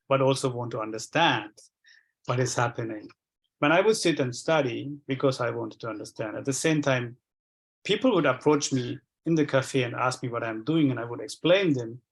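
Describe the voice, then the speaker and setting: Speaking in a mid-range voice on a low-quality recording, a man from Sri Lanka, a native Tamil speaker, reflects on his energy work. He stops and restarts frequently as he shares his experience haltingly.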